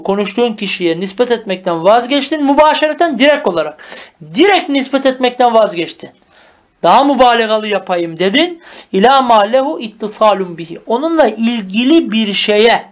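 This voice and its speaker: Man explaining a classical text. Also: very high-pitched. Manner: reads a phrase, then explains it, often asking and answering his own questions. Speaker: Arabic teacher. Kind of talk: madrasa-style text reading and explanation.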